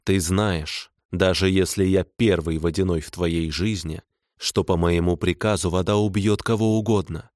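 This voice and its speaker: Man playing a calm, ancient water spirit. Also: sits low, dry recording, studio quality, close to an everyday voice. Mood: calm stern. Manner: calm and unhurried.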